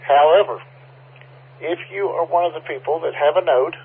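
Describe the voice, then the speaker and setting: Background noise accompanies a slightly high male voice at normal speed. Through a muffled amateur radio connection that sounds like a phone line, he delivers an informal announcement, explaining matters in a conciliatory manner.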